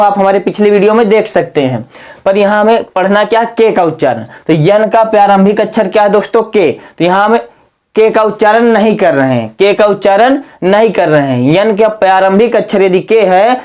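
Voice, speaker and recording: A man teaching English grammar in a classroom style. He often puts questions to the listener and answers them himself, spells words out slowly letter by letter, and drops low and quiet when he gives the answer.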